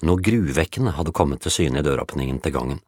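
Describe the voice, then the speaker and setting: Deep-voiced male storybook narrator. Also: expressive, a little mellow, husky, no room sound, clean studio sound. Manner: playful, storytelling cadence. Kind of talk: scripted audiobook narration.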